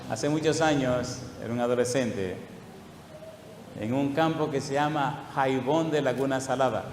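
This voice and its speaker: Preaching a sermon in a church hall, a male pastor of medium pitch fires question after question at the congregation and draws out scripture readings with slow, stretched emphasis. The hall is echoey, with faint room noise.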